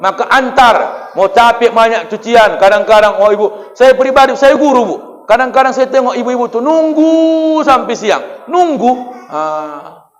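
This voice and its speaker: A man's voice: very high-pitched, measured pace, long reverb tail. A man with a Medan accent giving a joking sermon in a mosque, acting out little dialogues and quizzing the audience. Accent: Medan Indonesian. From Indonesia. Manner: joking, acts out dialogues, asks the audience directly. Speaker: preacher. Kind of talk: humorous sermon.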